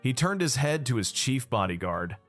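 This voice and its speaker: A man's voice: medium pitch, big pitch swings, moderate pace, a bit bright, soft background music. Male narrator recapping a dramatic story. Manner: dramatic first-person storytelling.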